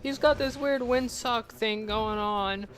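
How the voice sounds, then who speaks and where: A woman reading out a crude line from a stagehand in a story she reads aloud, in a slow, barely changed voice. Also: a little high.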